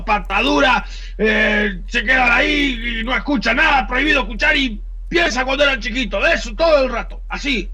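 Bossy drill sergeant in a radio sketch, bright forceful gravelly voice, barking commands. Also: male voice, very high voice, exaggerated voice. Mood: bossy, mocking. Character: bossy, pompous male army sergeant drilling a recruit.

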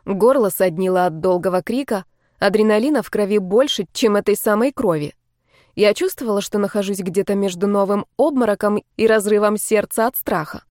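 A woman narrating a first-person fantasy audiobook in an even, steady reading voice. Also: mid-range voice, a little fast, no room sound, studio quality.

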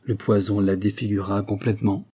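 Male audiobook narrator, measured reading, low pitch, dark mellow tone. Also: flat delivery, slightly rough.

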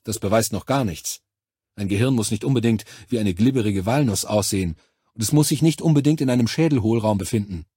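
Ruhiger, sachlicher Militärarzt, von einem Mann vorgelesen, tiefe, leicht belegte Stimme, dunkler Klang. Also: male voice, fairly low pitch, brisk, warm tone, husky, no echo, studio quality. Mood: clinical. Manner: clinical, matter-of-fact explaining. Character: composed male army medic examining alien bodies.

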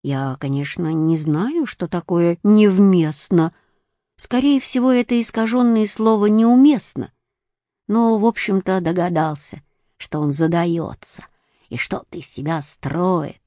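A woman calmly reading a first-person children's story aloud. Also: fairly low pitch, no room sound. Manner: calm, unhurried first-person telling. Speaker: audiobook reader. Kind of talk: storybook narration.

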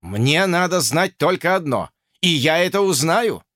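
A man's voice: fairly high pitch, animated, a little slow, fairly bright tone, no room sound, clean studio sound, pitched above the performer's own voice. A man voicing George, a flustered young suitor. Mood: agitated. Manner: insistent, flustered, stammering.

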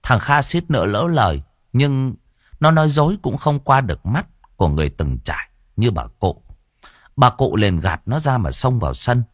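A male audiobook narrator. His reading is expressive and rises and falls a lot. The voice is gravelly and husky, recorded dry and close. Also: medium pitch, no echo. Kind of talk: storytelling narration.

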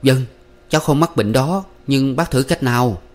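A man putting on a jittery young man with a noticeably raised voice. He stammers and hesitates, then rushes his pleas, with an anxious, pleading tone throughout in this audiobook tale. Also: medium pitch, pitched above the performer's own voice, lightly acted. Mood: nervous.

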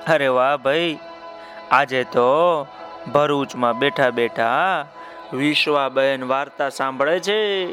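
A man telling a children's story, warmly addressing young listeners by name and adding asides. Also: mid-range voice, slow pace, soft background music.

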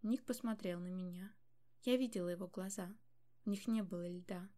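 Woman narrator, first-person audiobook, mellow tone, tense and emotional. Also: medium pitch, normal speed.

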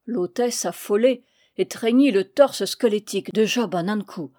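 A woman narrating a storybook with a lively, expressive delivery. Her tone is dark and mellow. The recording is dry and close. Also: medium pitch, a little slow, dry recording. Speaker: audiobook reader.

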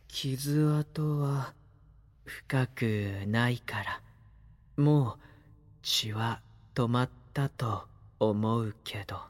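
A man playing a gentle, timid young vampire in an intimate audio drama, speaking softly and hesitantly with breathy murmurs. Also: medium pitch. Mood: tender, worried.

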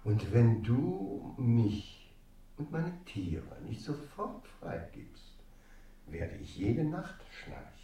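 An actor playing a mischievous doctor declaiming boastfully like a spook in a German children's radio play. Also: male voice, medium pitch, big pitch swings, slow pace, warm tone, slight background noise. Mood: spooky, boastful. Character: mischievous doctor posing as spooky nighttime presence. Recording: heavy ghostly echo, distant.

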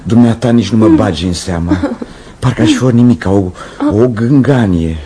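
A man's voice: on the low side, mellow, husky. An actor playing a smug, fawning young footman in a radio play, with affected speech.

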